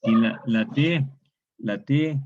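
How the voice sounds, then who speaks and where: A man with a mid-range voice gives an online lecture on historical grammar, taking it slowly. He repeats each key word and often tags his statements with a question, in a dull lo-fi recording.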